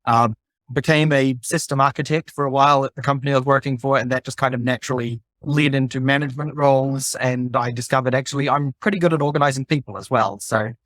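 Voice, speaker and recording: A man's voice: mid-range voice, fairly even intonation, quick pace, fairly bright tone, dry recording. A middle-aged man from New Zealand, a podcast guest explaining his background step by step in casual conversation. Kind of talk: casual chat.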